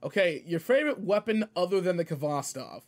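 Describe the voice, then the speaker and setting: This man's high, expressive voice moves fairly quickly with a slightly mellow quality as he voices a seasoned yet easygoing space guardian mentor. Teasing and instructing his partner, he keeps the in-character game roleplay monologue casual, slangy and wry.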